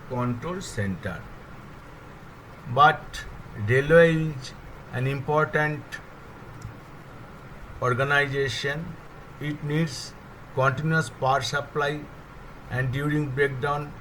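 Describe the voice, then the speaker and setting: Slow, halting older Indian English man. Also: a little high, fairly bright tone, a little hiss or hum, low-quality recording. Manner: deliberate, halting, lists items one by one. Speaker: railway electrical engineer. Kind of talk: technical explanation.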